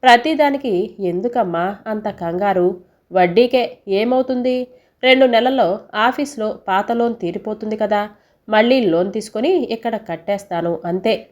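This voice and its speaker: A woman reading the part of an earnest adult son in debt, speaking in a reassuring, gently pleading way. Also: mid-range voice, close to an everyday voice.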